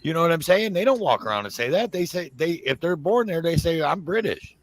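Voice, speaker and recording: A man's voice: a little high, big pitch swings, fairly quick. A man from Ohio, talking bluntly in a casual group chat, swearing and using lots of fillers. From Toledo, Ohio, USA. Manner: blunt and profane, many fillers.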